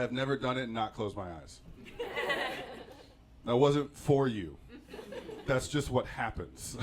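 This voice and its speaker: A man telling a reflective personal story in a casual monologue, laughing at himself often and often restarting his sentences. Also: medium pitch. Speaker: podcast host.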